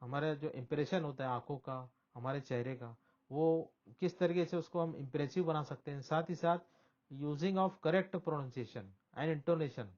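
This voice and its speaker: A man teaching English, reading each question slowly and then explaining it at an easy pace. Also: on the high side, darkish tone. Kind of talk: bilingual classroom explanation. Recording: dull lo-fi sound.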